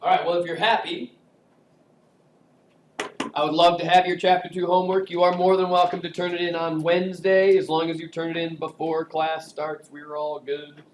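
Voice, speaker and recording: Guy teaching stats, kinda high voice, jokey and chatty, echoey room picked up from far off. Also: little pitch movement, moderate pace, slight background noise. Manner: joking, chatty, asks class questions. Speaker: statistics instructor. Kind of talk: casual classroom lecture. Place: classroom. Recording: echoey classroom recorded from afar.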